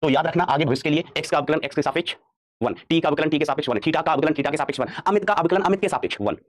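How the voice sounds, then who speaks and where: Fast-talking male maths teacher. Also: a little high, fairly even intonation. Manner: addresses students as beta, repeats questions and answers himself; urges students on with rapid repetitions. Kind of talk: live online class.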